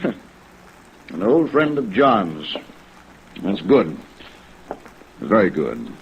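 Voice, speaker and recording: An actor playing a possessive, icily polite attorney in a 1950s radio drama, speaking in a clipped, sardonic and insistent way. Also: male voice, lowish voice, extremely slow, vocal fry, full character voice. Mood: menacing, sardonic. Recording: muffled vintage radio recording, steady rain noise.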